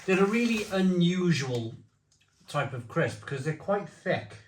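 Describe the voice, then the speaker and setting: Male reviewer, slightly high voice, casual and rambling with emphatic repeats, recorded in a roomy, echoing space. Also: animated, a little slow, a little hiss or hum. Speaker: beer and snack reviewer. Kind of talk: casual review chat to camera. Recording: roomy echo.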